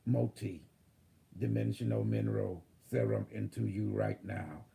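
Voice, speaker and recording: A man voicing a calm future AI healer that speaks in slow, gentle machine announcements. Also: fairly low pitch, vocal fry, slight background noise. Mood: robotic, caring. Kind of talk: spiritual channeling session.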